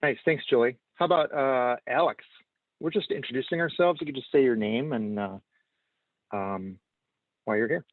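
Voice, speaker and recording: A man's voice: medium pitch, normal speed, pauses often, no echo. Man hosting a video call, tinny audio. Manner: brief and encouraging. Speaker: host.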